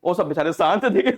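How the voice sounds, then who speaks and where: A man teaching accounting software in a casual class, telling stories with frequent laughs and acting out the people in them. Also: fairly high pitch. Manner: chatty storytelling, laughing often, acting out quoted people.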